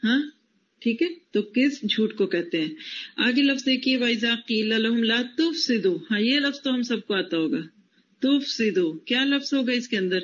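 A woman's voice: on the high side, expressive, slight background noise. Casting note: female Quran teacher, explains, quizzes students on word roots, praises answers, dull lo-fi classroom recording.

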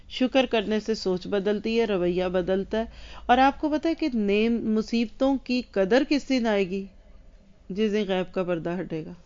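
Woman religious teacher, earnest, talks straight to her listeners, smooth tone, dull lo-fi sound. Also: medium pitch, a little mellow. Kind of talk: religious lesson to women.

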